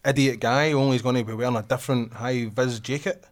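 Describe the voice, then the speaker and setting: Fast-talking Scottish man, blunt, sweary, casual chat. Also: mid-range voice, fairly even intonation.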